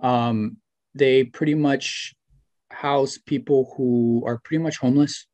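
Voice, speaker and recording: Speaking slowly in a steady, darkish mid-range voice, a young man gives a casual video call interview as a former student. He uses a laptop or webcam mic in a small room at home, and the audio is dry and close with no echo. His manner is earnest and grateful, peppered with fillers such as "you know" and "right."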